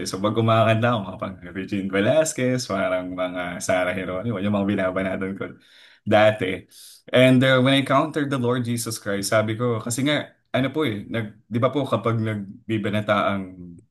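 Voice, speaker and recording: A man in his thirties from the Philippines with a deep baritone, giving an earnest devotional testimony with many fillers. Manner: earnest, mixes English into his talk, frequent fillers and "po". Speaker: lay preacher giving a testimony.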